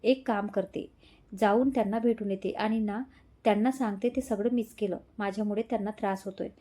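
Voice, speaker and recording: A woman's voice: mid-range voice, steady tone, fairly quick, mellow, lightly acted. A woman voicing a distraught young woman in an audio story, pleading through tears. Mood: tearful pleading. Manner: tearful, pleading.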